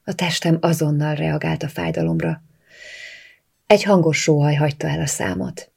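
Audiobook reader, first-person narration, subdued, quiet, gravelly. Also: medium pitch, steady tone.

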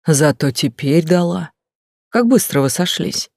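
A man voicing an angry, jealous middle-aged husband who accuses and shouts harshly in an audiobook. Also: fairly high pitch, lively intonation, measured pace, creaky, no echo, clean studio sound, full character voice. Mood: accusing.

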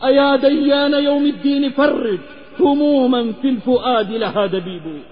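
A man's voice: very high-pitched, normal speed. Male preacher from the Hijaz, fervent sing-song sermon delivery, long hall reverb. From Hijaz, Saudi Arabia. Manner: impassioned, half-chanted delivery. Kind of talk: Islamic sermon with a moral tale. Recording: lecture recording with long reverb, slightly dull.

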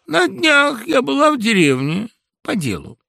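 A man voicing a crafty, flattering female fox in a storybook reading, sweet-talking and theatrical. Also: very high-pitched, measured pace, creaky, no echo, clean studio sound, pitched above the performer's own voice, heavily acted. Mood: sly flattery. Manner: sweet, theatrical, falsely gushing.

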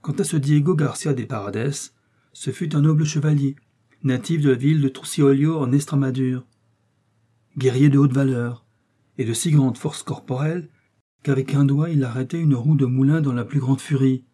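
A learned, calm village priest, as a man reads him in an audiobook, explaining in a measured way. The voice is mellow and husky. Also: mid-range voice, close to an everyday voice. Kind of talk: audiobook reading.

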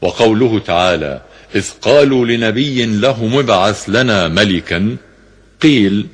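A man reading a classical scripture commentary in a formal, measured way, slowing down for quoted verses, on a radio broadcast recording. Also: fairly low pitch, expressive, husky. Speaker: reader of Quran commentary.

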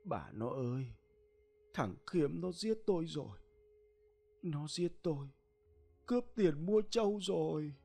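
A man's voice: on the high side, animated, takes it slowly, vocal fry, pauses often, mellow, soft background music, voice pushed up, exaggerated voice. A man voicing the ghost of a murdered older husband, weeping and pleading to his wife. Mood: grieving.

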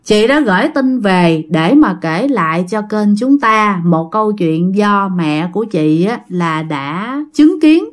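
A woman's voice: medium pitch, expressive, slow pace, hardly any pauses. A woman telling listener-sent ghost stories as a channel host, chatty and often talking straight to her audience. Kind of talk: told ghost story narration.

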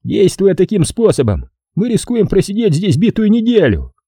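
A man's voice: sits high, very animated, normal speed, warm tone, husky, no echo, studio quality, pitched above the performer's own voice, full character voice. A man doing a sneering hot-headed thug. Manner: sneering and hissing.

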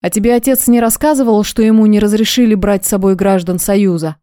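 A woman voicing a calm, measured male mutant who speaks persuasively in an audiobook. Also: medium pitch, no room sound, clean studio sound, lightly acted. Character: calm male mutant wearing a man's face.

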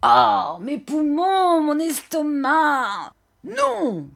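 A woman's voice: high voice, very animated, very slow, vocal fry, a bit bright, voice pushed up, heavily acted. A woman voicing a ferocious, drunken old male rag dealer who wails his words in a shrieking sing-song.

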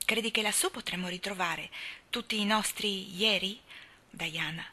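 A woman's voice: medium pitch, normal speed, sharp tone. A woman reading aloud, voicing a dreamy, imaginative young woman who speaks in a reflective way.

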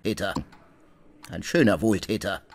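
An actor playing a coarse, bullying middle-aged swindler in a radio play, husky and blustering. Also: male voice, on the low side, a little slow. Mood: sneering.

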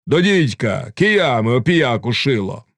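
A man voicing a rowdy crowd of male cossacks shouting demands at an assembly. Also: mid-range voice, very animated, unhurried, no room sound. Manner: shouting, brash.

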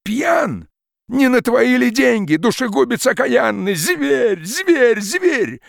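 A man voicing a desperate poor peasant who shouts and curses in shrill despair, read as an audiobook. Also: big pitch swings, slow pace, gravelly, slightly rough, no room sound, studio quality, heavily acted. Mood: raging. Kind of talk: audiobook reading.

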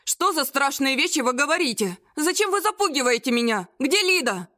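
A woman's voice: high voice, animated, moderate pace, a bit bright, dry recording, clean studio sound, voice pushed up. A woman voicing a frightened, nervous young man whose voice breaks into squeals. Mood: panicked.

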